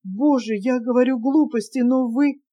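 A young woman torn between hurt and disbelief, pleading question after question, as a woman reads her aloud. The voice is mellow and soft-toned, sitting fairly high. It belongs to a spoken audiobook. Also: moderate pace, dull audio. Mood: flustered. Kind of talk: audiobook character reading.

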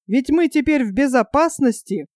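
A woman reading the part of a giant male prince who rallies his companions with loud calls. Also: high-pitched, lively intonation, normal speed, dry recording, clean studio sound. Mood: rallying. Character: giant male hero-prince, commanding and cheerful.

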